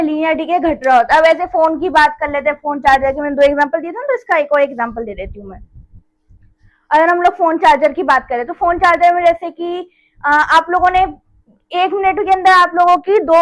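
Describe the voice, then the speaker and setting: A woman teaches a maths lesson in a relaxed, chatty way. Her voice sits very high, and she keeps checking in with her students as she repeats each step. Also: poor audio. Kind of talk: casual classroom lesson.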